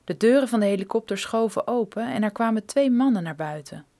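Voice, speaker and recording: A woman reading a thriller audiobook in a steady, measured storytelling manner. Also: fairly high pitch. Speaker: narrator.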